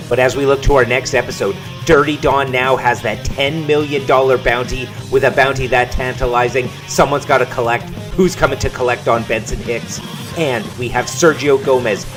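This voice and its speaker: A man delivering energetic play-by-play wrestling commentary over a video game. His voice sits at an ordinary middle pitch, and loud music runs underneath his calling.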